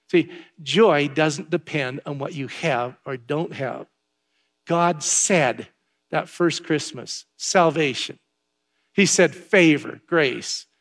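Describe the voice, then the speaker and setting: An older man preaching a Christmas sermon, telling stories in a conversational way and repeating key phrases for emphasis. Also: fairly high pitch. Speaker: pastor.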